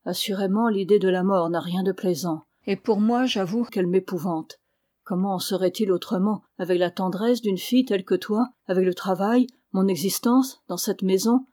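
A woman reading the lines of a seriously ill elderly father who speaks with earnest, measured reasoning. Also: medium pitch, warm tone, lightly acted. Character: ailing elderly father, grave and lucid.

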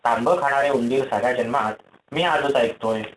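A man's voice: medium pitch, moderate pace, roomy sound, a little hiss or hum, natural voice, rough recording. A man voicing a shrewd male merchant in a fable, dry and mocking.

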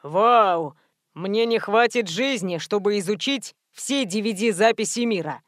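A woman's voice: mid-range voice, lively intonation, a little slow, no room sound, studio quality, natural voice. Sarcastic male hacker joker, voiced by a woman, theatrical exclamations, audiobook detective comedy. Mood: mocking, playful. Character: flippant young male hacker, clowning and sarcastic. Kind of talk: audiobook character voice.

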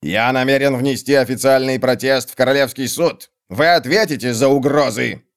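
A man voicing a pompous, stubborn male guard officer who huffs and insists on formalities, pitched above his own voice. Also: moderate pace, clear, resonant tone, lightly acted. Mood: indignant.

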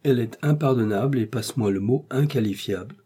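A man voicing a sarcastic, blunt young gentleman in an audiobook, speaking with mocking emphasis. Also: mid-range voice, fast talker, slightly rough, natural voice. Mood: scolding. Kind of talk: audiobook character reading.

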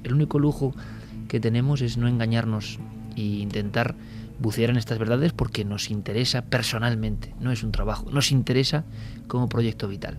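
A male radio host talks in an emphatic, rhetorical way and keeps turning to his listeners as friends. His voice sits at an ordinary middle pitch. Faint music plays underneath. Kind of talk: late-night radio talk.

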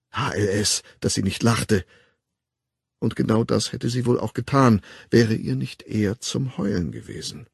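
A man narrating an audiobook in an expressive, measured storytelling manner, close to the mic. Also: on the low side, gravelly, slightly rough, dry recording.

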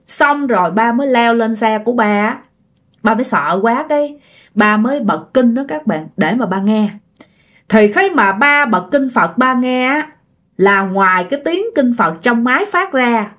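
Chatty Southern Vietnamese woman narrating a ghost story, fairly high voice with lots of swing. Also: fairly bright tone. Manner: chatty, addresses listeners directly.

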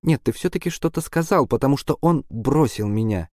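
A man's voice: mid-range voice, expressive, brisk, darkish tone, dry recording, clean studio sound, pitched above the performer's own voice, lightly acted. A man voicing a hurt teenage girl who questions someone in a cold, accusing way, in an audiobook.

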